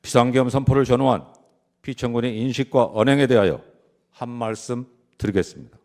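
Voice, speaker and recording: A man gives a formal prepared closing argument as a lawyer, solemn and deliberate, stressing short phrases. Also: medium pitch, a little mellow. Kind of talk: formal prepared courtroom speech.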